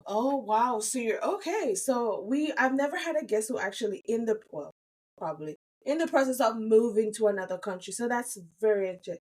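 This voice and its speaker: A woman hosting a podcast interview, who opens with a slow, earnest welcome and a spoken prayer, then asks quick, eager questions. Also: fairly high pitch, expressive, a little mellow. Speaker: podcast host.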